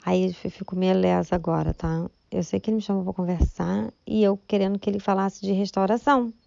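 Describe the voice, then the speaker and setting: A woman tells her church testimony in a chatty, emotional way, often checking in with her listeners. Her voice has a gravelly fry to it. The recording is dry, with dull lo-fi sound. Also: mid-range voice, fairly even intonation, a little fast, dark tone, dry recording. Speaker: church member giving testimony. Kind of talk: spoken religious testimony.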